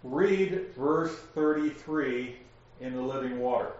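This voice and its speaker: A man teaching a Bible study, explaining verses slowly and asking his class questions. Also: mid-range voice, darkish tone. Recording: echoey room, distant lo-fi mic.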